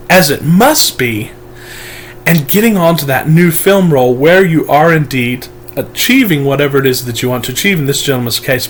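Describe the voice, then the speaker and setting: A man's voice: fairly high pitch, a bit bright, slight background noise. A man speaking as a manifestation coach, giving an emphatic, preachy motivational monologue to his viewers and often calling them "guys".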